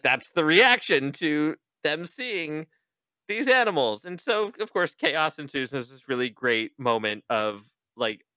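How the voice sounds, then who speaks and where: A man hosting a podcast, casually recapping a book in an animated, joking way, cursing freely and acting out quoted lines. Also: medium pitch, clear, resonant tone, dry recording, studio quality. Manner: animated, profane, joking, with exaggerated quoted voices. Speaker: podcast host.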